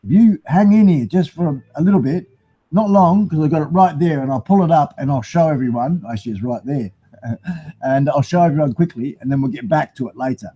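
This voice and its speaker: Chatting with viewers on a relaxed live stream, a broad-accented New Zealander rambles along in friendly, matey fashion and reads their comments aloud. He talks fairly fast with a slightly high, breathy-edged voice, and the recording's high frequencies are cut off.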